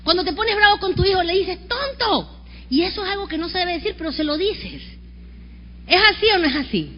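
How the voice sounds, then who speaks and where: A woman pastor preaching an animated sermon, calling on the congregation to repeat after her. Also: very high voice, long reverb tail, lo-fi sound. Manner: animated preaching with call-and-response. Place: church sanctuary.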